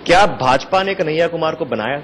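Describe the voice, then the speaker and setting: A male interviewer putting questions to a politician, halting over fillers before he gets to the point. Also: a little high, lively intonation, a bit bright, a little hiss or hum, rough recording.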